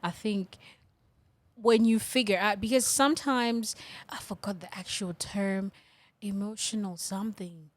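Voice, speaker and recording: A young woman from Africa in relaxed conversation, laughing easily and spelling her thoughts out at length. Her voice sits at an ordinary middle pitch. The recording is close and dry. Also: unhurried, no echo. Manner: laughs often, explains things carefully and at length. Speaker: podcast co-host. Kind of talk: casual chat.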